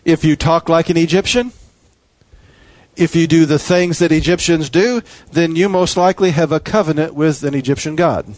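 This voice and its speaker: This man preaches at normal speed in a slightly mellow voice that runs a little high for a man. His delivery leans hard on repeated phrases with emphatic cadence.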